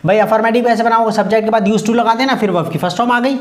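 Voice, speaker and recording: A man's voice: high-pitched, quick pace, roomy sound. A man teaching an English grammar lesson to students, patiently repeating key words and quizzing them.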